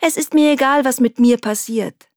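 Woman doing a stubborn young girl, high and urgent, emphatic, audiobook, dry close sound. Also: normal speed, darkish tone, dry recording. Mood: determined. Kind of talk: audiobook reading.

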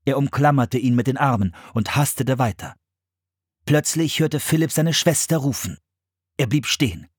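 A man narrating a children's adventure audiobook in a steady storytelling manner. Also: medium pitch, moderate pace, husky, no echo, studio quality.

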